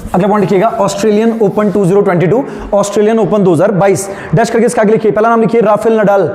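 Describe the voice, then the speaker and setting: A male teacher dictating notes to students, repeating phrases, slowing down for them and asking check questions that he answers himself. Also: sits high, fairly even intonation, darkish tone. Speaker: current affairs teacher. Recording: echoey room, faint background noise.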